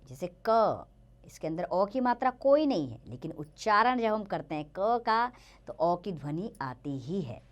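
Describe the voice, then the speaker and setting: Lively-voiced woman teaching children. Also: lowish voice. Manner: clear, patient explaining, drawn-out example words. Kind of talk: children's grammar lesson.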